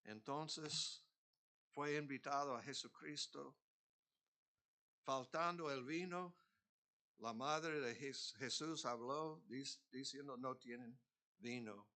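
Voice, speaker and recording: A man's voice: fairly high pitch, slow pace, long pauses, pushed and bright. A man preaching a sermon as pastor, earnest, building to emphatic peaks. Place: church.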